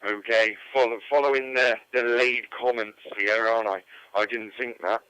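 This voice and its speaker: A man's voice: medium pitch, fairly even intonation, moderate pace, pushed and bright, clear, resonant tone. A man acting as net control on an amateur radio net, talking casually with many hesitant fillers. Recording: dull lo-fi radio audio.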